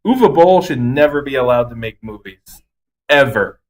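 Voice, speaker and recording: In a casual movie review chat, this man co-hosts a podcast, sounding animated at a normal speed and medium pitch. His takes are blunt and emphatic, with some swearing mixed in.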